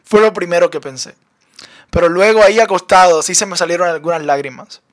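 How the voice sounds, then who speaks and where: High-voiced young Colombian man storyteller. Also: brisk. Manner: animated, laughs often while telling. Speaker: podcaster. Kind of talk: personal testimony storytelling.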